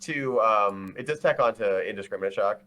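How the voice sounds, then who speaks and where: A man's voice: fairly low pitch, brisk, a bit bright. A man co-hosting a casual podcast, talking eagerly and often restarting his phrases. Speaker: podcast co-host. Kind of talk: casual podcast chat about a card game.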